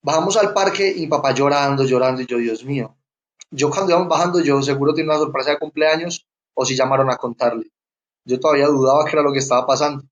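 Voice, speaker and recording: Young guy telling his testimony, kinda high voice, stops and repeats himself a lot. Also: muffled recording. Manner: halting, repeats words and restarts. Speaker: interviewee sharing his testimony. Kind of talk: personal testimony.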